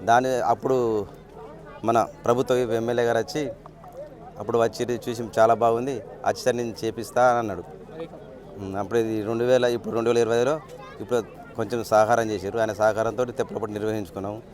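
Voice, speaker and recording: A man with a Telangana Telugu accent talks quickly to reporters outdoors. He is a fisherman and organiser, and he speaks plainly and informally, often starting over. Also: medium pitch, flat delivery, a little mellow. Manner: plain-spoken, with restarts and dialect words. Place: outdoors at a lakeside event.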